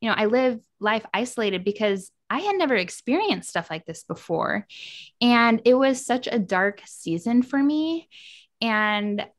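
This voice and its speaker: A woman's voice: a little high, sing-song, unhurried. Woman, podcast guest, earnest, heartfelt, casual chat.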